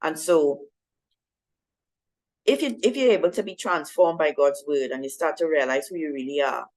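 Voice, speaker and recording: A woman's voice: sits low, moderate pace, a little mellow, low-quality recording. A young adult woman telling her personal faith story to a women's group, conversational and often checking in with her listeners. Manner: conversational, with frequent fillers and "right?". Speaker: speaker at a women's ministry talk. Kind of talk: personal testimony to a women's audience.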